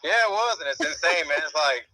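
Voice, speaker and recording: A man's voice: fairly high pitch, expressive, brisk, pushed and bright, no echo. A man phoning a show from a station, chatting in easygoing slang, with a hollow, tunnel-like sound to the call. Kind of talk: casual chat.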